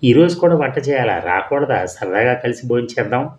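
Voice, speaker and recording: A man's voice: medium pitch, moderate pace, dull audio, lightly acted. A man doing a sweet-talking male admirer. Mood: coaxing. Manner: pleading, honeyed flattery. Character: smooth-talking flattering middle-aged male admirer.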